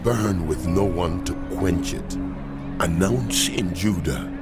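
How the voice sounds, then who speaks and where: A man's voice: deep voice, slow, over loud music. An actor playing God as a solemn, commanding and wrathful male deity in a dramatized scripture reading. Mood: stern warning. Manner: solemn, authoritative, declamatory.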